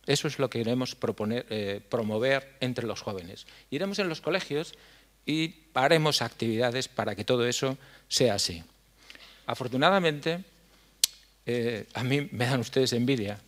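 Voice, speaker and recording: An older man from La Mancha, head of a foundation, giving a speech on a dark stage at a stand mic, earnest and halting, with many fillers. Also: mid-range voice. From La Mancha, Spain. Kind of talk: conference speech. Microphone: stand mic at a lectern.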